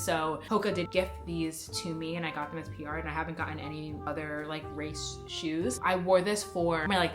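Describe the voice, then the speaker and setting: A woman's voice: lowish voice, reverberant. A young woman chatting casually and conversationally as a running vlogger, with rambling asides. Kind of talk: casual vlog chat.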